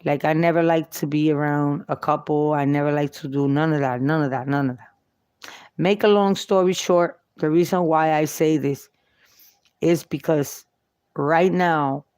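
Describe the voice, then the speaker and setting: A woman's voice: low-pitched, steady tone, unhurried, a little mellow, clear, resonant tone, no echo. A middle-aged woman telling her own life story in an emotional, repetitive testimony driven by faith. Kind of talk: personal testimony monologue. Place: New York.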